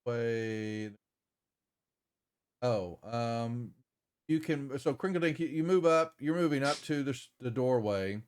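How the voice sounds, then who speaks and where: A man acts as game master in an online tabletop session. He improvises scene descriptions and rulings in a casual way, with a halting, piecemeal delivery. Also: medium pitch, clean tone. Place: online group video call.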